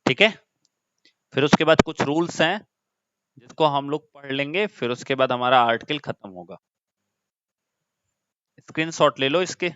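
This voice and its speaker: A man's voice: mid-range voice, expressive, normal speed, pauses often, a bit bright, clear, resonant tone, no echo, muffled recording. A man teaching an online class, explaining step by step and often putting questions to his students.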